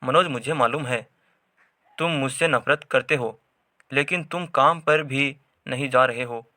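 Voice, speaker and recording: Worried pleading young wife, man reading her lines, bright tone. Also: medium pitch, unhurried, no echo, clean studio sound.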